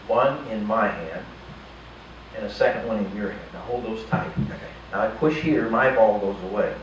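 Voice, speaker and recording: An older man performing as a stage magician in a casino showroom, keeping up jokey, chatty banter with volunteers from the audience. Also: fairly low pitch. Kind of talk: live magic show patter. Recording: echoey, distant, noisy live room.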